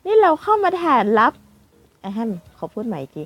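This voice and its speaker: Brief: woman putting on a sweet, clingy little sister, high and bouncy, for a visual novel game read. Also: huge pitch swings, fairly quick, dry recording. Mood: flustered. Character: young sister girl, pleading and clingy.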